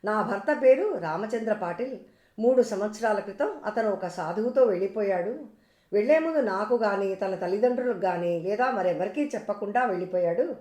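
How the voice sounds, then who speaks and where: A woman's voice: mid-range voice, lively intonation, moderate pace, mellow, close to an everyday voice. A woman voicing a grieving, childless wife who tearfully pleads for help. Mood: pleading. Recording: roomy echo.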